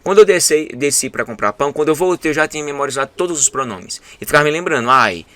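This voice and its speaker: A man's voice: a little high, lively intonation, very fast. A Brazilian man hosting a casual interview, an English teacher who acts out his students' voices as he talks. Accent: Brazilian Portuguese.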